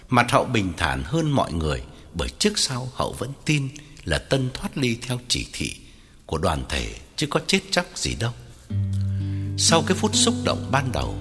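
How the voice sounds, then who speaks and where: A male audiobook narrator with a highly animated pitch that rises and falls through the telling. He reads in a measured, expressive way. Guitar music plays clearly behind him.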